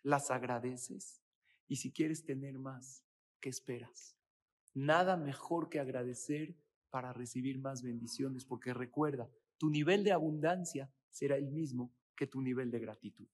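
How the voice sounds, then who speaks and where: A man's voice: mid-range voice, measured pace. A man giving a short inspirational religious talk, stressing repeated phrases with rising emphasis.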